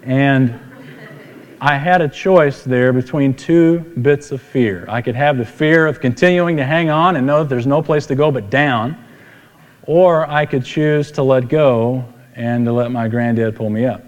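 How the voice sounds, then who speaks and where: A man's voice: medium pitch, measured pace. A middle-aged man preaching a sermon with personal storytelling, in a folksy, conversational way, repeating phrases for emphasis. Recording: reverberant hall.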